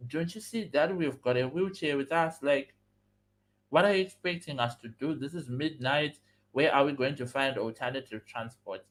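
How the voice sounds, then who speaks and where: A man's voice: medium pitch, natural voice. A man voicing his agitated young friend who fires off angry, exasperated questions. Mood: outraged. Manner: loud, exasperated, rapid questions. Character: agitated young man arguing with a van crew.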